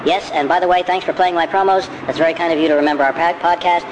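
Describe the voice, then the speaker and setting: A podcast host's voice sped up into a high, squeaky chipmunk pitch, belonging to a man who rambles and keeps correcting himself. Steady noise from traffic and the street sits under the whole recording. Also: fast talker. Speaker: podcast host. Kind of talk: casual podcast monologue.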